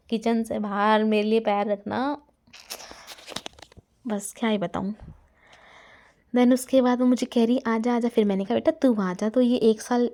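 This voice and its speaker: A woman's voice: mid-range voice, warm tone. A young adult woman narrating her day in a chatty home vlog voice-over. She talks to viewers like friends and mixes English words into her talk. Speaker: vlogger.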